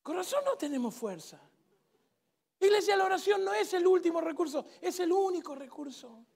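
A man preaching a sermon in a church with a Rioplatense accent, emphatic, swinging between shouts and hushed intensity. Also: very high voice, animated, normal speed, creaky. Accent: Rioplatense Spanish.

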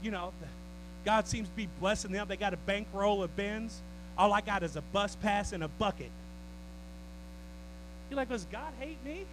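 Male preacher, high voice, very animated delivery; faint hum underneath. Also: moderate pace, pauses often. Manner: animated preaching that swings from loud declarations to low asides with the congregation. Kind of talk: sermon.

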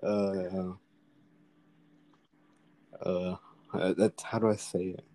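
A man's voice: low-pitched, flat delivery, extremely slow, mellow, poor audio. A young man co-hosting a casual podcast chat, stammering and swearing as he talks. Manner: stammering, swears, laughs often. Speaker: podcast co-host.

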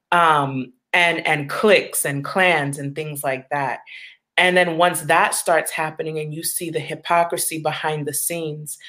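A woman's voice: low voice, a bit bright. A woman from Long Island, New York, speaking candidly and reflectively as an interview guest, laughing easily.

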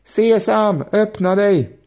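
An honest, humble woodcutter from a fairy tale, voiced by a male narrator. He mutters to his donkey in wonder and then calls out loudly and high. His voice keeps a gravelly, dark tone. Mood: excited. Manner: excited calling out. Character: poor honest woodcutter, Ali Baba, amazed.

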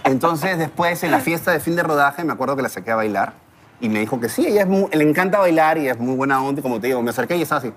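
A man, a guest in a casual chat, telling animated stories and acting out what people said. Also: medium pitch, rapid-fire, background noise. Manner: animated storyteller, acts out quotes.

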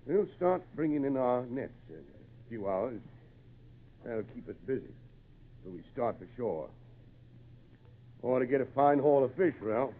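An actor playing a gruff, kindly old fisherman with salty, folksy talk in an old-time radio drama. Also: mid-range voice, lively intonation, a little slow, pauses often. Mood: calm, wary. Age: older. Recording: muffled, narrow-band old radio recording.

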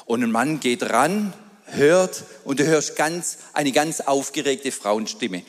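A middle-aged man preaching a sermon, telling stories and calling the congregation "dear ones" in a lively way. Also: medium pitch, takes it slowly. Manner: lively storytelling with quoted asides, addresses congregation as "ihr Lieben". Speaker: pastor. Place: church hall before a congregation. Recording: long hall reverb.

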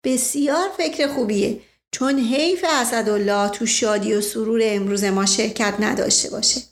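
A woman voicing a proud, excitable older man who heads the family and speaks formally. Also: fairly high pitch, natural voice. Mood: hospitable. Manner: pompous, formal.

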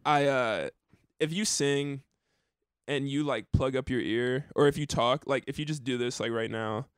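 A man's voice: mid-range voice, moderate pace, smooth, no room sound, studio quality. A young man, a musician and countertenor, chatting casually and rambling with lots of restarts and laughs. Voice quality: countertenor singer. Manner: rambling, laughs often, many likes and restarts. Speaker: musician and podcast host. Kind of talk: casual chat.

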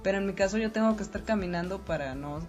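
A woman's voice: mid-range voice, quick pace. A young Mexican woman, a podcast guest, chatting casually and agreeing easily with a laugh. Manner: relaxed agreeable chatter, often laughing along. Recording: dull lo-fi audio with faint music.

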